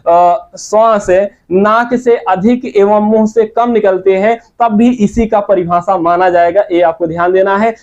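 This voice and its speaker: Male grammar teacher, Hindi accent, fairly high voice, drills examples with questions; dull lo-fi recording. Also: darkish tone. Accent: Hindi, eastern Uttar Pradesh. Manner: repeats example words slowly, quizzes students with questions. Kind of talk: grammar lesson. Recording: muffled lo-fi sound.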